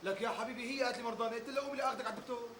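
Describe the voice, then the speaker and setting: An actor playing a protective, insistent older brother in a TV drama. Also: male voice, extremely high pitch, rapid-fire, background noise. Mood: alarmed. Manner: coaxing, insistent, rising to shouts. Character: protective young man, pushy and anxious. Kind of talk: TV drama acting.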